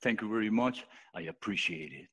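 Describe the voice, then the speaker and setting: A man's voice: lowish voice, expressive, a little fast, a bit bright, breathy edge, poor audio. A man presenting his post on a live voice chat, earnest and hesitant, with many fillers and restarts. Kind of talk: casual pitch on a live voice chat.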